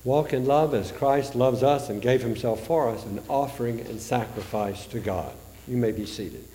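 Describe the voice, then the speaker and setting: A man as priest, reciting the Eucharistic prayer in a slow, measured way, his voice carrying a cathedral echo in a large church. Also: mid-range voice, warm tone, slight background noise. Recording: long reverb from a large church.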